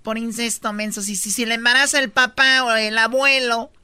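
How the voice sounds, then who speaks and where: A woman co-hosts a radio show and goes through a news story in a chatty way. Her voice is a touch high, bright and smooth. The sound is dry and close. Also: level tone, moderate pace, no echo. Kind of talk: radio talk segment.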